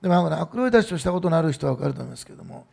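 A man's voice: on the high side, big pitch swings, rapid-fire, vocal fry, darkish tone, breathy edge. A middle-aged man giving a sermon as pastor at a church service, in a loose, conversational way with fillers and asides.

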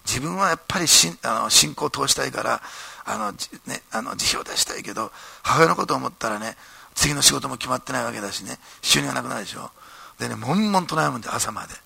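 Gravelly, fast-talking male preacher. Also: mid-range voice, no room sound. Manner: animated storytelling, frequent ね tags. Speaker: pastor. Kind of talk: storytelling sermon.

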